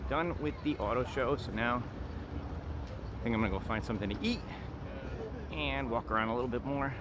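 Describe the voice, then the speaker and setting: A man's voice: mid-range voice, a little fast. A man narrating a casual walk-and-talk vlog in an informal, chatty way, speaking to his viewers. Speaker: vlogger. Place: out and about in busy city streets and venues. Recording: noisy urban ambience with traffic.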